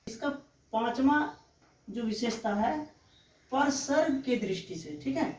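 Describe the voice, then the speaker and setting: Female teacher, slow patient lecture, slightly high voice, roomy distant mic; read as a lesson. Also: lively intonation, darkish tone. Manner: slow, explanatory, often checks with "ठीक है". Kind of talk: exam-prep lecture. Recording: echoey room, mic far off.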